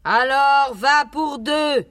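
Man putting on a fat fussy cook woman, high and bright, slow, storybook voice. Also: dry recording, clean studio sound, exaggerated voice. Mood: fussing. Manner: slow, sing-song falsetto.

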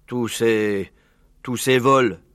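A man reading a storybook aloud and voicing Badger, a kind, honest male badger who speaks in an earnest, unhurried way. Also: mid-range voice, steady tone, a bit bright, clear, resonant tone, no echo, clean studio sound. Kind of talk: audiobook reading.

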